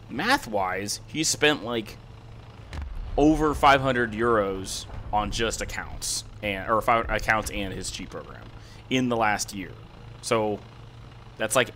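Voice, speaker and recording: A man with a raspy voice giving casual, rambling video commentary, often hesitating and backtracking mid-sentence. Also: lowish voice, sharp tone, a little hiss or hum. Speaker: gaming video host.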